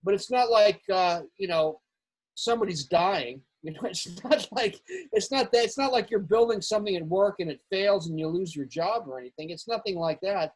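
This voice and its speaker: A man's voice: sits high, lively intonation, normal speed, poor audio. A man talking casually on a video call that breaks up, rambling and restarting his words as a club board member. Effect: on a video call, audio breaking up. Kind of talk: casual chat on a live club session.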